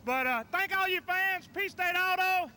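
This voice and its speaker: A man's voice: very high voice, normal speed, pushed and bright, slight background noise. A man with a Southern US accent, a race driver out of breath, rambling folksy thanks after a win. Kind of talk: victory interview. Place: outdoor racetrack.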